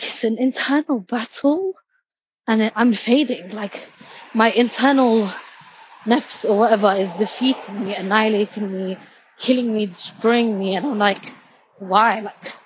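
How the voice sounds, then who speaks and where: This is a twenties-aged woman vlogging outdoors on her walk home from a station, panting a bit and rambling with lots of "like." She sounds a little high-pitched and husky, and the recording is muffled.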